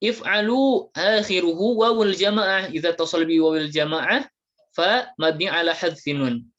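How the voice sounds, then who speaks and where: A teacher giving an Arabic grammar lesson, slowly drilling word forms one by one with many repetitions. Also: medium pitch, a bit bright, muffled recording. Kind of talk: classroom lesson.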